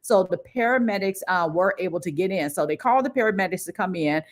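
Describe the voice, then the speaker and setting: Speaking fast in a fairly low voice, this middle-aged career coach shares a personal anecdote casually on her own livestream. She's an animated narrator who performs the lines other people said.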